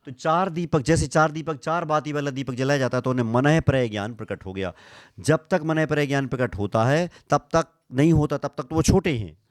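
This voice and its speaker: A man's voice: on the high side, fairly quick, no room sound. Dry-voiced man teaching scripture. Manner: repeats lists, quizzes listeners, leads group recitation. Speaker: Jain monk teaching scripture. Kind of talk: classroom scripture lesson.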